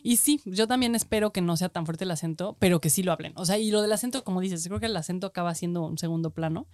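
Woman comedian on a podcast, lowish voice, chatty and laughing a lot, dry close sound. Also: fast talker, darkish tone, no room sound. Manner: chatty, laughs often, many fillers. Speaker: guest comedian. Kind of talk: casual podcast chat.

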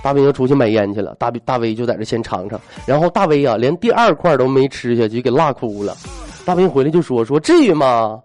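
A male radio host on a live call-in show, reading listener messages and telling jokes with quick, wry asides. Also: medium pitch, expressive, a little mellow, dry recording. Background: faint electronic music.

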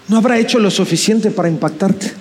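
A man's voice: high voice, brisk, darkish tone. A man preaching a sermon with passion, asking rhetorical questions and repeating key phrases. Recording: faint music behind.

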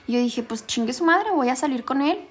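A woman with a Mexican accent, co-hosting a podcast, telling stories in an expressive, slangy, jokey way. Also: high voice, fairly quick. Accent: Mexican Spanish. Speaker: podcast co-host. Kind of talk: casual storytelling chat.

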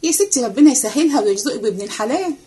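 A woman's voice: a little high, expressive, rapid-fire, dark tone, voice pushed up, lightly acted. Woman playing a sassy young Egyptian maid. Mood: coaxing. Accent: Egyptian Arabic. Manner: teasing, lazy back-talk. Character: sassy young female maid, lazy and cheeky.

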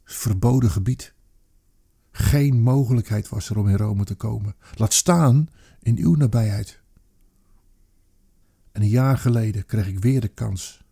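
Dark gravelly man, intense dramatic monologue. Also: fairly low pitch. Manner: intense, emphatic, with slow deliberate pauses. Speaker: narrator.

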